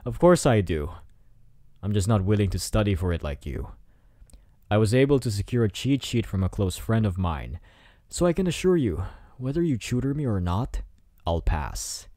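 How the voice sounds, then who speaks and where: Playing a cocky teenage delinquent student in an intimate ASMR roleplay, a man taunts and teases with smug confidence in a drawn-out delivery. His low, mellow voice is very animated, swinging widely in pitch. The sound is close and dry, with no echo.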